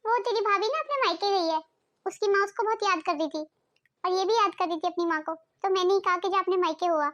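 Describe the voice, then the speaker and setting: A woman voicing a fair-minded, gentle mother-in-law in a family cartoon, talking patiently. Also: very high voice, a little fast, highs cut off. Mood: kindly.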